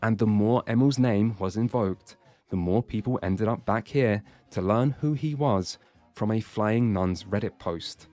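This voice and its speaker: Low-voiced man narrating a video essay. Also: unhurried, dark tone, soft background music. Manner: dry, sardonic. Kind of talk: scripted narration.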